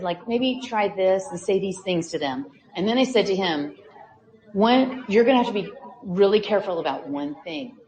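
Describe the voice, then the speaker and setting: A woman's voice: fairly low pitch, darkish tone. A woman giving a conversational conference talk, telling stories with many fillers and asides. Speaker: presenter. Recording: echoey hall.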